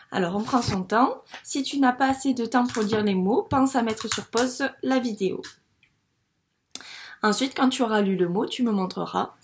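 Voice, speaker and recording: A woman teacher giving a patient phonics lesson to a young child and sounding out words syllable by syllable. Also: fairly high pitch. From France. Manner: slow, patient, drawn-out syllables. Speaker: first-grade teacher.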